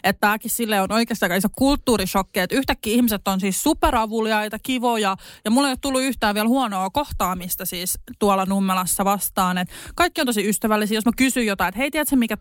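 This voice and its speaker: A young woman co-hosting a podcast in casual chat, telling lively stories and acting out the quotes. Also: medium pitch, hardly any pauses, dry recording, studio quality. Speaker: podcast co-host.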